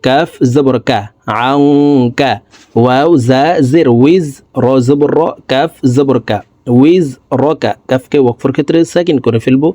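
A man teaching Quran recitation, spelling out syllables slowly and explaining pronunciation rules to viewers. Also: medium pitch, mellow, dry recording. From Bangladesh. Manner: slow melodic chanted recitation.

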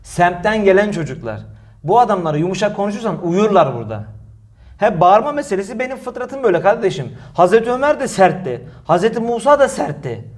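A young man preaching in a mosque, answering a critic forcefully, with many rhetorical questions and repeated phrases. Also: sits high, sing-song, a little fast. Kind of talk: heated religious talk, defensive.

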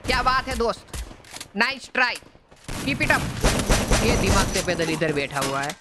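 A man's voice: high voice, big pitch swings, normal speed, heavy background noise. A young man giving playful, trash-talking commentary over his mobile gameplay. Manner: playful trash-talk at opponents. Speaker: gaming YouTuber. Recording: loud game sounds behind the voice.

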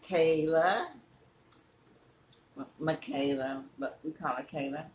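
Slow-talking grandma chewing with mouth full. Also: female voice, low voice, a little hiss or hum. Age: older. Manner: slow, chatty, laughing, addresses viewers as y'all. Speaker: mukbang vlogger. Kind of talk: casual chat to camera while eating.

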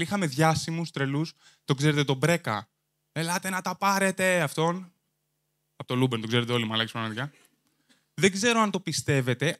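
A young adult Greek man does stand-up on a comedy stage, holding a handheld microphone as he tells a long story and crudely banters with the live crowd. His voice is fairly high and fairly bright, captured as clean studio sound with no room sound. He acts as both comedian and host.

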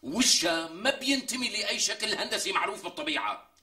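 Brief: fast, lively comic braggart, high bright voice, roomy set sound. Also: male voice, full character voice. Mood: mocking. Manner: theatrical, exaggerated, drawn-out emphasis. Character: boastful man mocking a woman, melodramatic. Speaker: comic sketch character. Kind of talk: TV sketch comedy acting.

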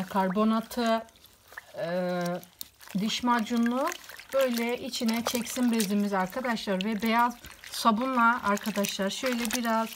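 Woman home-cleaning vlogger, slightly high voice, talks chattily to viewers, faint noise behind. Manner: chatty, repeatedly addresses viewers as friends. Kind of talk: casual how-to demonstration. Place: at home by a rug.

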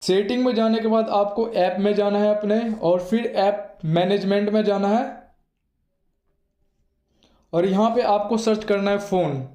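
In a small, bare room that makes the recording echo, a man in his twenties with an Indian accent explains phone steps like a tutorial host, going over points again for emphasis. His high-pitched, mellow voice is a little slow, with fairly even intonation.

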